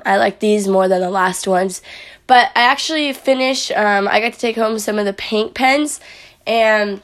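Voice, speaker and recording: Speaking to the camera, a young vlogger and athlete casually recaps her week in a medium-pitched voice gone raspy and hoarse from days of yelling while coaching. She rambles in a friendly way with plenty of fillers.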